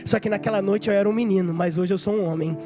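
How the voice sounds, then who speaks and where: A preacher playing fervent apostle Peter. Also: male voice, sits high, fairly even intonation, fast, over music, natural voice. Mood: startled, resolved. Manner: impassioned, loud, rising declarations. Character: apostle Peter, old man facing execution, fervent.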